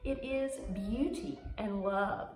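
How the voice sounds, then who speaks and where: A woman teaches pantomime and ballet in an instructional video, talking slowly in a darkish, mid-range voice. She demonstrates while she speaks, with dramatic emphasis, and the echoey room has music in the background.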